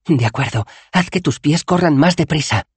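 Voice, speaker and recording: A man voicing a sharp-tongued, grumpy young woman who speaks curtly. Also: mid-range voice, normal speed, breathy edge, no echo, pitched above the performer's own voice. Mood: impatient. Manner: curt, impatient.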